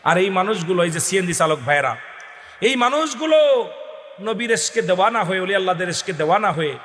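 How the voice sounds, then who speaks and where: A man's voice: high-pitched, animated, fairly quick. A male preacher giving an emotional sermon, often urging the crowd to call back. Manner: emotional, calls on the crowd to respond. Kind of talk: Islamic waz sermon. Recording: echoey hall over loudspeakers.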